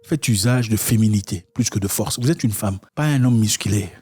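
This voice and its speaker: A man giving emphatic relationship advice straight to camera, lecturing his listeners and breaking into sudden high-pitched outbursts. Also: normal speed, darkish tone, slight background noise. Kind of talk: direct-to-camera advice talk.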